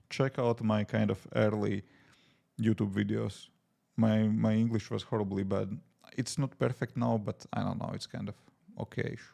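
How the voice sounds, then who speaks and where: This Latvian app developer has a gravelly, mellow voice that sits on the low side. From his desk at home, he chats casually in accented English during a live coding stream, thinking out loud with plenty of filler words.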